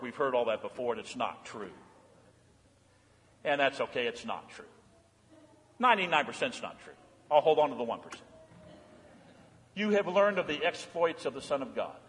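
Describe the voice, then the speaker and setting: An older man, a pastor, preaching a confirmation sermon in a church, swinging between loud proclamation and hushed, earnest asides. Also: mid-range voice, lively intonation, moderate pace, pauses often. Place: church sanctuary. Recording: long hall reverb.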